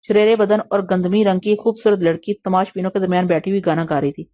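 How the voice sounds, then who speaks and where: A woman narrating an audio novel in a steady, even storytelling manner. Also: mid-range voice, dry recording. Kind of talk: scripted narration.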